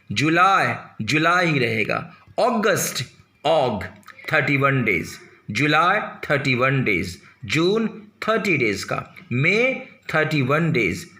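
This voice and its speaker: A man's voice: mid-range voice, sharp tone, roomy sound. A man teaching pronunciation in a lesson, spelling each word letter by letter and repeating it. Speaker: English teacher.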